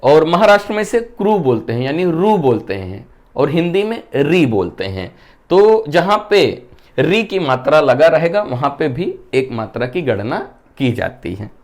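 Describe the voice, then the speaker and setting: A male Hindi teacher giving a classroom-style lesson. He asks the class questions, answers them himself in a lower voice, and keeps checking that they understand. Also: sing-song, moderate pace. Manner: keeps checking whether students have understood.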